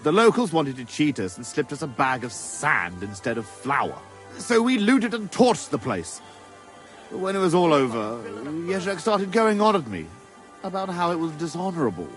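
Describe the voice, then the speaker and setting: An actor playing a crude, proud bandit camp leader in a video game, blunt, domineering and scornful. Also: male voice, fairly high pitch, very animated, normal speed, a bit bright, soft background music. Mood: indignant. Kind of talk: video game dialogue acting.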